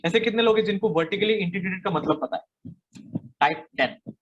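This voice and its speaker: A man's voice: high voice, brisk, highs cut off. A young man running a sales training session, emphatic and repeating his key points, slipping English slogans into the talk. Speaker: network marketing trainer. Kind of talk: live online training session.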